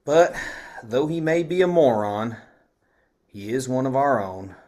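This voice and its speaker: Man doing a folksy small-town sheriff, friendly drawl, lively pitch. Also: a little slow, close to an everyday voice.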